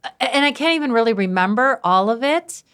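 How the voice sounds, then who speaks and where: A woman in her fifties from Wisconsin, a former police officer, chatting as a podcast guest in a loud, bubbly way and laughing often. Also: fairly high pitch, expressive, fairly quick, clean tone. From Wisconsin, USA. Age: 50s. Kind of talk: casual interview chat.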